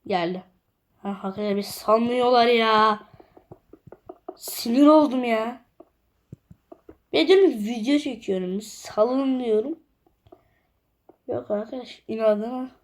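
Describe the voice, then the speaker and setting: A young woman talks casually to her viewers as she builds in a game. Her voice sits a little high, and she often drops to a quiet murmur to count blocks. The delivery is relaxed and chatty throughout. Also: unhurried, pauses often. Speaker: gaming video creator.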